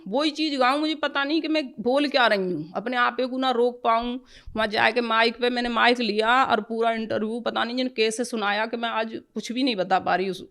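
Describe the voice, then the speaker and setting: A woman's voice: on the high side, creaky, fairly bright tone. Earnest woman telling her story. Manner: earnest, emotional retelling in plain colloquial speech. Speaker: devotee giving a testimony. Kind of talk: personal testimony storytelling.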